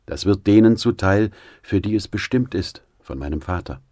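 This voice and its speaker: Man reading as Jesus, solemn and husky. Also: low voice, animated, normal speed, darkish tone, dry recording, studio quality, voice pushed up. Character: Jesus, calm authoritative male teacher. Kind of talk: audiobook scripture reading.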